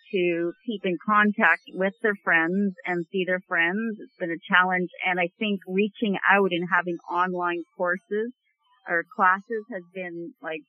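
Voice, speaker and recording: A woman joining an interview by phone, explaining things at length with frequent ums. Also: on the low side. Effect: heard over a phone line. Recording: tinny dry phone line.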